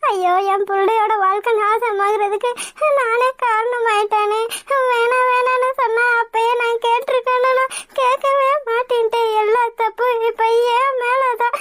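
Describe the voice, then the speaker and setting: A woman's voice: very high-pitched, little pitch movement, unhurried, fairly bright tone. A woman voicing a distraught mother of the bride in a cartoon, wailing and blaming herself. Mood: grieving. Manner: wailing, self-blaming laments.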